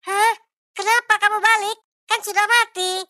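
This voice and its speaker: A woman voicing a frightened young widow, speaking high and shrill. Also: steady tone, moderate pace, bright, forceful tone, dry recording, studio quality. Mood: scared.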